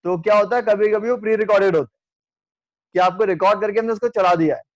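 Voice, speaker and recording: A man teaching a radio class, explaining with everyday examples and checking with students through quick questions. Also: sits high, dry recording, rough recording. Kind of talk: classroom lecture.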